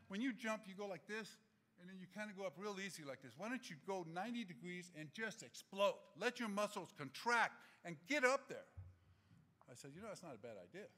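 A man in his sixties giving an animated, humorous acceptance speech from a podium microphone in a large auditorium. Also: high-pitched. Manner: animated, gesturing, humorous anecdotes.

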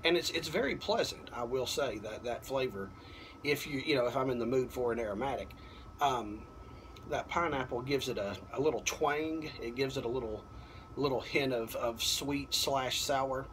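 A man in his thirties gives a casual, unhurried product review to camera, often halting as he thinks aloud. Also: mid-range voice, fairly bright tone. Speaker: pipe tobacco reviewer. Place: apartment balcony at night. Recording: clearly noisy, outdoor ambience.

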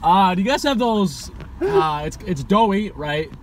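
A young man with a high, sing-song voice orders unhurriedly from inside a parked car at a drive-thru, with slight background noise. He is a prankster customer, and his casual back-and-forth is hesitant, repetitive, vague and stalling. A camera on the passenger side picks him up.

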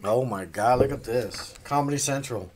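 A man's voice: medium pitch, moderate pace. A man casually unboxing comics, rambling, trailing off and swearing offhandedly. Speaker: comic unboxing channel host.

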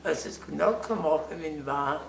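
An older woman living in the neighborhood, speaking slowly and plainly in a vox pop interview at home. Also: low voice, gravelly, echoey room, a little hiss or hum. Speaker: resident. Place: indoors, home living room.

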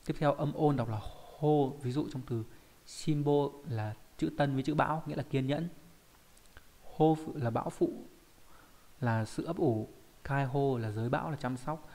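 A man's voice: mid-range voice, unhurried, pauses often, darkish tone. A man with a Vietnamese accent teaching a Japanese kanji lesson online, explaining each character step by step and often checking in with his students.

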